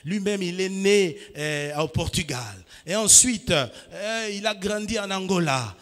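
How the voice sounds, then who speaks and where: A pastor from DR Congo with a bright, high-pitched voice delivers a fervent sermon at a measured pace and with lively intonation. He drops into soft asides, then climbs to ringing shouts that draw his listeners into call and response. His voice echoes through a church hall with a long reverb tail.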